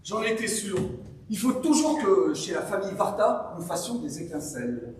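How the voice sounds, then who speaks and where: A performer playing a flustered grown son arriving home, hesitant and stumbling, in an amateur stage play. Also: male voice, high-pitched, very animated, normal speed, slight background noise. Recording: very echoey hall from far off.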